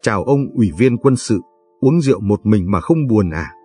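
A man's voice: fairly low pitch, animated, moderate pace, mellow, slightly rough, faint music behind. A man doing a sly scheming official.

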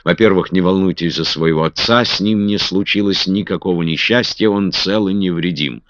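A gallant nobleman pleading his love, played by a man in a very deep voice. His talk is quick and smooth. Muffled, dry audiobook recording. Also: a bit bright, dry recording. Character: Spanish nobleman, smooth seducer turned sheepish.

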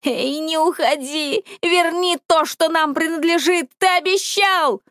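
A woman voicing blind old hag sisters from a myth, shrill and pleading. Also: expressive, a little slow, fairly bright tone, dry recording, clean studio sound. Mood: shrill panicked.

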